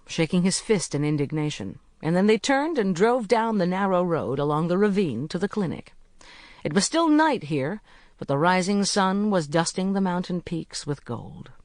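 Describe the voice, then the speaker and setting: An expressive audiobook narrator reading with a lively, rising-and-falling delivery at an easy mid pitch. The reading is measured and storytelling in tone, recorded close and dry. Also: no echo.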